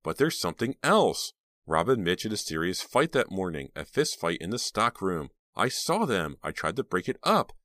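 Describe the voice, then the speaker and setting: A man's voice: sits low, sing-song, normal speed, a bit bright, no room sound, clean studio sound, pitched above the performer's own voice. A man voicing a determined teenage girl, speaking in an intense, urgent way in an audiobook. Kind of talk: audiobook character voice.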